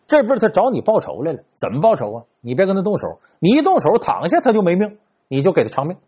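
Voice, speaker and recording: A man doing a shrewd smooth-talking fortune teller. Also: high-pitched, huge pitch swings, fast, heavily acted. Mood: hushed ominous. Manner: coaxing, conspiratorial, hushed warnings.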